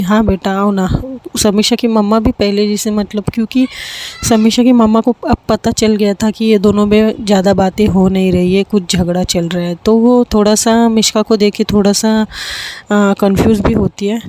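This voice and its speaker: A woman narrates a love story in a casual, unhurried way, often pausing on fillers. Her voice is mellow and warm, never sharp. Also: medium pitch, a little hiss or hum.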